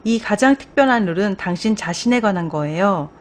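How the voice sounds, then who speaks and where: A woman voicing a wise, upbeat woman bus driver who gives earnest, encouraging advice in a storybook reading, a bit louder than her narration. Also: medium pitch, lively intonation, brisk, lightly acted.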